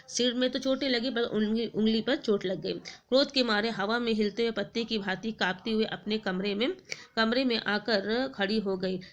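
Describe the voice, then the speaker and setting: Woman teacher, bright and fairly high, retells a story and keeps pausing to explain words. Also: highs cut off. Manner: stops often to explain words, many fillers and self-corrections.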